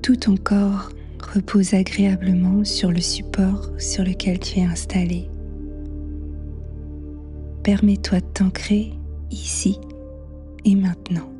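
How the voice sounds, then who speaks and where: A woman leading a guided meditation in a soft, half-whispered, soothing voice with long pauses. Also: medium pitch, little pitch movement. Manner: slow, hushed, soothing delivery with long pauses. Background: new-age music.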